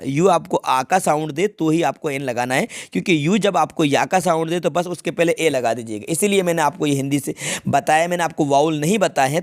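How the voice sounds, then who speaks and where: Young male tutor, slightly high voice, repetitive questioning delivery, dry close-miked sound. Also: no room sound. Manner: drills students with repeated questions. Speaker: English teacher. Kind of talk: Hindi-language grammar lesson.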